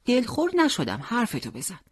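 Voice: medium pitch, huge pitch swings, husky, dry recording, studio quality, voice pushed up. A reader voicing an anxious teenage boy who pleads with his friend, raising his voice in disbelief. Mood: worried, pleading. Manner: pleading, incredulous questions.

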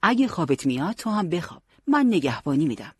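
A man voicing a teasing but caring young male fighter who leads his friends, with a husky voice. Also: on the high side, sing-song, no room sound, studio quality, voice pushed up, heavily acted. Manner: joking, bossy yet warm.

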